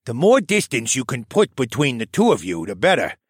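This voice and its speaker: A man voicing a shrewd, crafty old male koala archivist who talks in a knowing, animated way. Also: medium pitch, brisk, slightly rough, no room sound. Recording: dry close studio sound.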